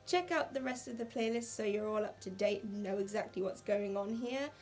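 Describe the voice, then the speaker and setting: A woman's voice: medium pitch, fairly quick, a little mellow, poor audio. A woman in her twenties reading her old fan fiction aloud and commenting candidly, poking fun at her own writing. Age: 20s. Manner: candid, self-deprecating.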